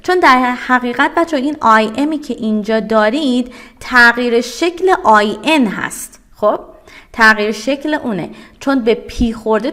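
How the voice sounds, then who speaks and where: A woman teaching English vocabulary in a recorded online lesson. She explains step by step, asks questions and answers them herself, and says each English word slowly and clearly with a Persian accent. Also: fairly high pitch, a bit bright. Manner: drills English words, slowly and clearly spoken.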